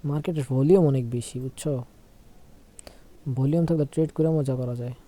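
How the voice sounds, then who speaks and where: A young man, unwell and speaking slowly, giving a casual screen-share trading tutorial and often checking "okay?". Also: on the high side, warm tone. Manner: slow, repeats phrases, asks "okay?" often.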